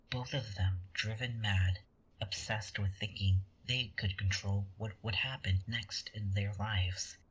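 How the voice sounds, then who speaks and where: In a sci-fi audio drama, an actor plays a conniving angel, smug and taunting, using a breathy, husky voice with theatrical condescension. The voice sits at medium pitch with a fairly bright tone, and the audio quality is poor.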